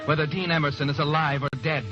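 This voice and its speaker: A man's voice: a little high, level tone, natural voice. Man as The Whistler, sardonic radio narrator over music. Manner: taunting, deliberate, dramatic. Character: sardonic, ominous male omniscient storyteller taunting the culprit. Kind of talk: 1940s radio suspense narration in second person. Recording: dull old radio recording.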